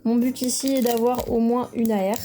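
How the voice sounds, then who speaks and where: A woman's voice: a little high, little pitch movement, fairly quick, warm tone, slight background noise. A young woman, chatting enthusiastically as she opens trading card packs and praises each card. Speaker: card-opening video creator. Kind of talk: casual card-opening commentary. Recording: faint background music.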